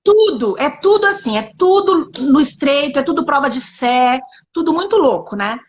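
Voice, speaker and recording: A Brazilian woman, a guest in a casual interview, telling her testimony as an animated storyteller who acts out the dialogue. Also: high-pitched, moderate pace, lo-fi sound.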